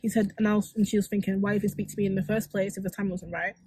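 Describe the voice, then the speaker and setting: A woman's voice: medium pitch, flat delivery, very fast, warm tone, slightly rough. A woman co-hosting a casual chat, speaking frankly, full of "like" and "mm-hmm", sometimes reading out listener questions. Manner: frank, frequent "like" and "mm-hmm" backchannels. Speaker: co-host.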